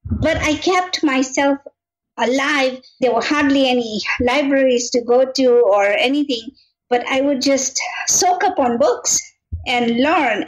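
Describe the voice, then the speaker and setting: Guest, woman, 50s, from Kenya; high-pitched, earnest and reflective storyteller. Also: rough recording. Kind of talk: interview conversation.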